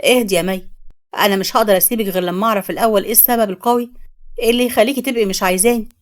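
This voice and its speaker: An earnest young man with an Egyptian accent, calm and devoted, as a woman narrator puts him on. He talks quickly. This is a spoken storybook. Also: mid-range voice, lightly acted. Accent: Egyptian Arabic.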